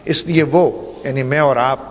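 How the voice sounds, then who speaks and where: Preacher man in a booming hall. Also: steady tone. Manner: rhetorical, building repetitions, Arabic recitation. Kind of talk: sermon. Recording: dull sound with long hall reverb.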